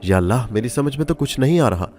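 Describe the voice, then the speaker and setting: A man voicing a kindly middle-aged lady of the house who speaks in a gentle, worried way. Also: mid-range voice, animated, fast, faint music behind, lightly acted. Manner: gentle, worried, soft-spoken.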